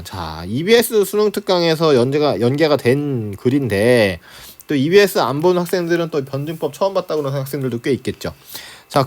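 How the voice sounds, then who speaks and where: A man teaching reading comprehension for exams in a lecture, often checking in with rhetorical questions. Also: on the high side. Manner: lively, frequent rhetorical questions and "자, 그죠?" check-ins. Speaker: Korean language teacher. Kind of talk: exam-prep lecture.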